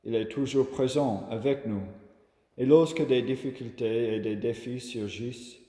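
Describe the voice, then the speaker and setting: A man from Australia delivers a reflective homily at an unhurried, deliberate pace. His voice is mellow and dark, and it rings out with a long reverb, as if spoken in a large echoing space. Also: mid-range voice. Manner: slow, measured and calm. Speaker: preacher. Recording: echoey room with long reverb.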